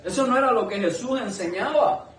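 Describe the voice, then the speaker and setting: A man's voice: very high voice, a little fast, a bit bright, slight background noise. A man preaching a sermon to a small congregation, earnest and conversational, asking many rhetorical questions. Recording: echoey room, mic at a distance.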